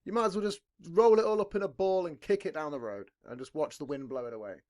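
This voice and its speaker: A man's voice: a little high, quick pace, darkish tone. A young British man hosting a casual podcast from a dim room at home on a headset mic, rambling and swearing freely. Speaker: podcast host. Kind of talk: casual chat.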